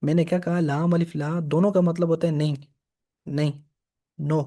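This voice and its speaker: Guy teaching quran grammar, says every example twice, kinda high but mellow voice. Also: level tone, moderate pace. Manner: patient, repeats each example. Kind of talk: grammar lesson.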